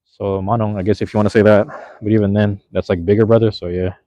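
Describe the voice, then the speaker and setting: Talking quickly with a warm, lowish voice and little pitch movement, a young man hosts a casual live chat. He's outdoors in a park at night in cold drizzle, laid-back, slangy and rambling, on a handheld phone. The recording is dry, lo-fi and slightly dull.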